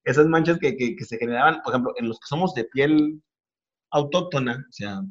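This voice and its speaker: A man in his forties with a Mexican accent, hosting a comedic casual chat with rapid, slangy, joking delivery. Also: medium pitch. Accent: Mexican Spanish. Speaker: host. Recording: dull lo-fi audio.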